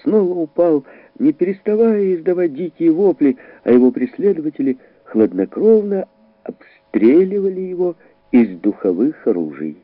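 A man reading an audiobook story aloud in a dramatic, expressive way, heightening his voice for the characters. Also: on the high side, moderate pace, no echo, narrow, tinny audio. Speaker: audiobook narrator.

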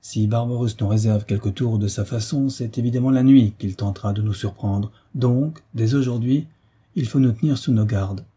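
A man voicing a bold, quick-tempered young hero giving orders in an audiobook reading. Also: mid-range voice, warm tone, husky. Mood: commanding.

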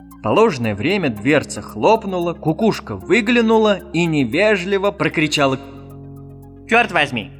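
A man narrating a children's fairy tale, in a lively, expressive storybook style. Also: fairly high pitch. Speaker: audiobook narrator.

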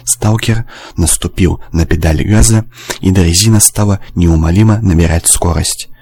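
A man narrating an audiobook in a steady, measured reading. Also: deep voice. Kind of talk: scripted narration.

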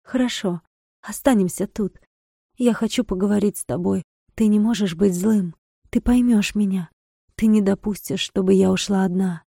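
A woman's voice: a little high, fairly even intonation, moderate pace, dark tone, no echo, studio quality, lightly acted. Woman voicing a wild, impassioned young village girl. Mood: calm pleading. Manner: pleading, impassioned.

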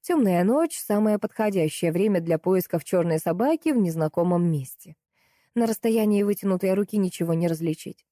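Woman audiobook narrator, first-person story, lowish voice, steady lively telling. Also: brisk, dry recording, studio quality.

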